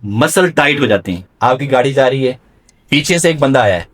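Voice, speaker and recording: A man's voice: medium pitch, expressive, a bit bright. A male religious scholar giving a classroom lecture, putting questions to his listeners and mixing English terms into his explanations. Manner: quizzes the audience with questions and mixes in English terms.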